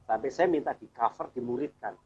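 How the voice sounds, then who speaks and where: A middle-aged man with a husky voice tells his personal testimony in an earnest, storytelling way. He slips into the voices of remembered conversations. The sound is dull and lo-fi. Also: mid-range voice, brisk. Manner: earnest storyteller who acts out remembered dialogue. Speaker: church elder, guest speaker.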